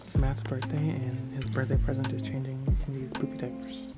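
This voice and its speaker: A woman's voice: extremely low pitch, level tone, a little fast, loud music behind the voice. A young woman, a new mother, chatting casually to the camera and cooing to her baby in a family vlog. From Nigerian American. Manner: chatty, coos in sing-song baby talk.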